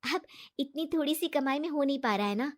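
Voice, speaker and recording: A woman's voice: high-pitched, a little fast, pitched above the performer's own voice, close to an everyday voice. A woman voicing a naive, trusting young female office worker who talks eagerly and earnestly.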